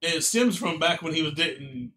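A man co-hosting a casual gaming podcast, chatting with friends in an animated, joking way and often restarting his sentences. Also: on the high side, moderate pace, faint music behind. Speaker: podcast co-host. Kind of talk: casual chat.

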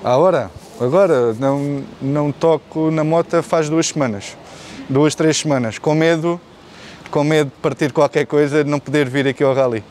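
A Portuguese rally rider in his forties answers interview questions earnestly in an outdoor courtyard with artificial grass, speaking with a Portuguese accent and restarting and repeating words as he hunts for phrases. His voice is on the high side, slightly mellow, and moderately paced, with slight background noise.

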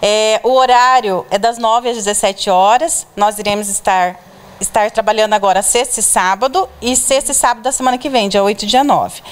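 A woman's voice: medium pitch, a little fast, clear, resonant tone. A woman in her thirties with a Brazilian Portuguese accent, a charity volunteer interviewed at an indoor bazaar on a handheld mic, plainly listing details. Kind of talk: on-camera interview. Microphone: reporter's handheld mic.

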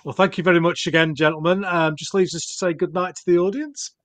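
A man's voice: high voice, fairly even intonation, fast, fairly bright tone. Yorkshire man hosting a hobby podcast. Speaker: podcast host. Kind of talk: casual chat.

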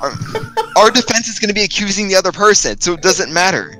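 Male gamer, casual banter, high and lively, loud music behind. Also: fast talker, poor audio. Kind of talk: casual game chat.

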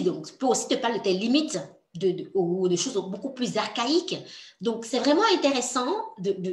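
Lively coaching woman in an echoey room. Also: mid-range voice. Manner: earnest and encouraging, addresses the listener directly. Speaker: coach for mothers. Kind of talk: workshop talk.

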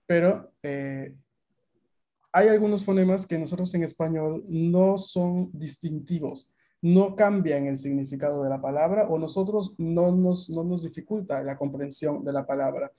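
A man's voice: a little high, dark tone. A Latin American man teaching a beginner language class over a video call, explaining at length and often checking that students follow.

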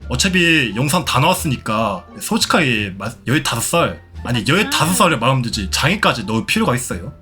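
A man's voice: medium pitch, big pitch swings, brisk, few pauses, pushed and bright, faint music behind. A young man streaming a game, scolding and mocking a rude player with sarcasm and the odd swear word. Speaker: Roblox streamer. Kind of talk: live gameplay commentary.

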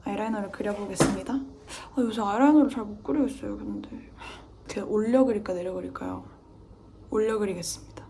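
A woman's voice: medium pitch, fairly quick, mellow, slight background noise. A young woman doing her makeup on camera, chatting nonstop and talking to herself, sometimes dropping to a near-whisper while she concentrates. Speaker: beauty vlogger. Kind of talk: chatty get-ready-with-me makeup vlog.

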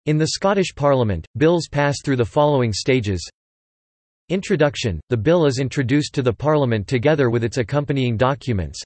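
A computer-generated man reads an encyclopedia article aloud at an even, steady clip. His voice sits at a middling pitch and the sound is bone-dry, with no room around it. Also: a little fast, no room sound. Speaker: text-to-speech reader. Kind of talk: synthetic article narration.

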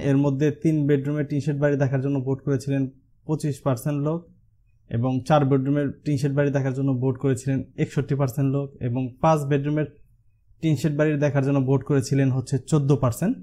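A Bangladeshi house designer presents his channel, walking viewers through a house plan over a 3D model and repeatedly using the filler হচ্ছে. His medium-pitched voice is warm and fast, with little pitch movement.

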